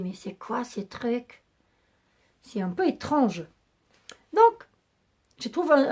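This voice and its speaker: Raspy-voiced woman, chatty vlogger. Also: sits high. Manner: rambling and chatty, many hesitations. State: losing her voice. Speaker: beauty vlogger. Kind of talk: casual chat to camera.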